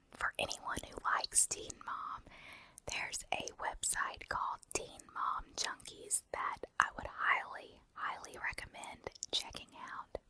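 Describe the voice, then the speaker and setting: A woman whispering softly and breathily in a casual, rambling ASMR chat, close on the mic from ear to ear. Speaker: ASMR video creator. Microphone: close binaural ASMR microphone, ear to ear.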